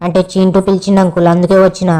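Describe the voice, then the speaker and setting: A man's voice: high voice, completely flat delivery, rapid-fire, dark tone. A young man trading cheeky, crude banter in a village comedy skit.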